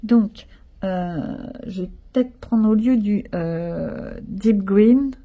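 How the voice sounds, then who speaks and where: Phone-quality audio carries a woman's medium-pitched voice speaking very slowly. As host of a coloring channel, she colors a picture with pencils and chats casually to viewers, musing aloud.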